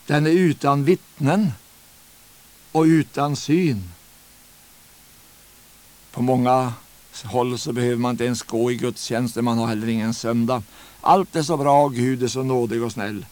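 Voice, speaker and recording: A man's voice: medium pitch, a little mellow. Guy giving an earnest sermon, lots of rhetorical questions, drags out the big words. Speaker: preacher.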